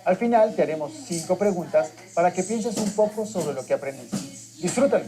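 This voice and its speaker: A narrator reading scripted instructions calmly to children. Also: mid-range voice, fairly quick, a crowd in the background. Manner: calm, instructive address to children. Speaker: program narrator. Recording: TV sound recorded by a home device, with music behind.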